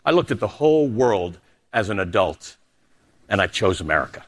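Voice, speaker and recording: With a sing-song lilt at normal speed, the middle-aged newsman from Canada presses his political points and shares a personal essay, going low for asides. The recording is very noisy.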